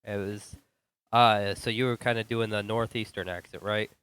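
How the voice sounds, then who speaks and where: Smooth low-voiced Colorado man. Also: fairly even intonation, moderate pace, a bit bright. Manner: thoughtful, hesitant with fillers. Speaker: firefighter. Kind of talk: casual book club chat.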